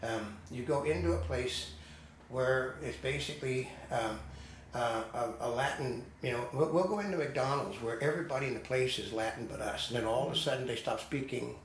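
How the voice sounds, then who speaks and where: A man's voice: mid-range voice, fairly quick. Older man, digressive storyteller, firm opinions, echoey room, faint background hiss. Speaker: co-host. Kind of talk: casual discussion.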